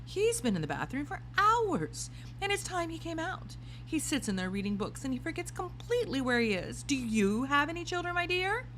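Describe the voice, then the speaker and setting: A chatty old grandmother from a storybook, acted out by a woman reader. She speaks very high and lilting, breezy and politely unruffled. Faint noise sits behind the voice. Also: big pitch swings, moderate pace, fairly bright tone, rough recording.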